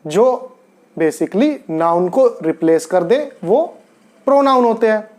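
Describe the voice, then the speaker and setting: A man teaching a grammar lesson step by step, deliberately repeating key words for his learners. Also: sits high, animated, darkish tone. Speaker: Spanish teacher.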